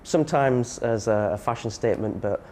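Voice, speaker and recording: A man, an expert interviewee, explaining history in a thoughtful, halting way. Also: medium pitch, a little mellow, a little hiss or hum. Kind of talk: interview soundbite.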